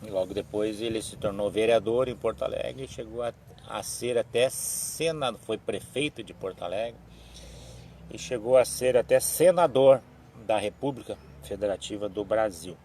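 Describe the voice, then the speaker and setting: A man speaks in a fairly low voice. He talks slowly and haltingly during a religious live stream, often restarting his sentences. Faint street noise sits behind him. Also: warm tone. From southern Brazil. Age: 60s. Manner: slow, halting, many restarts and tag questions.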